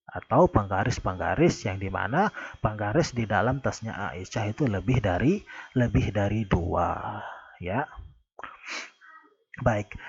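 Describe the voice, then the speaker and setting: A man with an Indonesian accent teaching an Arabic lesson, explaining slowly and patiently with much repetition. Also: on the low side, dull audio. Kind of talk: recorded classroom lesson.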